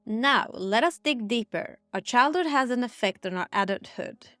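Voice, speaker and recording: A woman hosting a podcast, reading set interview questions in a steady, bright tone. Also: on the high side, normal speed, dry recording, soft background music. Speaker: podcast host. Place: Stockholm.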